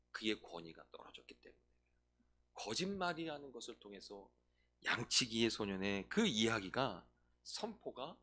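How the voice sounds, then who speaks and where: A man's voice: medium pitch, fairly bright tone, breathy edge. A male pastor preaching a sermon, often putting questions to the congregation and answering them himself. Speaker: senior pastor.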